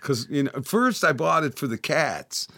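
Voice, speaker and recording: A man co-hosting a casual podcast, telling rambling stories in a gravelly voice. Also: a little high, sing-song, moderate pace, pushed and bright. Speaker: podcast co-host. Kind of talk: casual banter.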